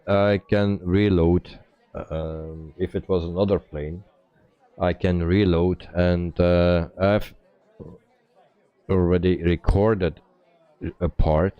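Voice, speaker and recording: A man giving casual live-stream commentary as a flight simulator player, with halting, hesitant phrasing. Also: deep voice, mellow, clean tone, no room sound, lo-fi sound.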